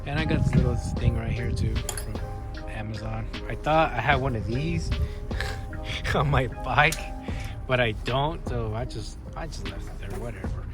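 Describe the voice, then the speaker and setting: A man's voice: mid-range voice, unhurried, music in the background. A man talking casually to viewers in a laid-back, slangy way, as a motorcycle vlogger explaining things. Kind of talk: casual vlog talk, explaining bike modifications.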